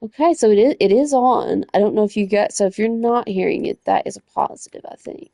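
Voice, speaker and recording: A woman's voice: medium pitch, fairly quick, creaky, mellow, dry recording. A woman chatting casually on a livestream while she plays a video game, rambling and self-correcting as she talks and laughing easily.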